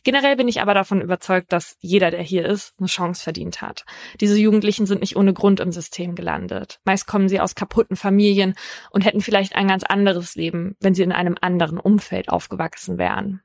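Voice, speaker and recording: A woman speaks in a calm, matter-of-fact voice, narrating her own account as a care worker. The recording is close and dry, with no room sound around her voice. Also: mid-range voice, fairly quick, gravelly, no room sound. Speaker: care worker in a youth facility. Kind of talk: first-person narrated account.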